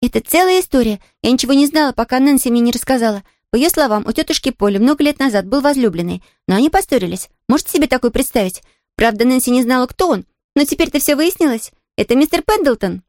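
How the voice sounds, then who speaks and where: A woman voicing an excitable, chatty young girl in an audiobook reading, talking in a breathless rush. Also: sits high, fast talker, no room sound, clean studio sound, voice pushed up. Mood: eager.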